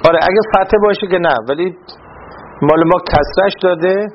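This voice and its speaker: A man teaching a classroom lesson on grammar, explaining step by step and often checking that his students follow. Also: high voice. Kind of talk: classroom lecture. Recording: dull lo-fi recording with faint noise.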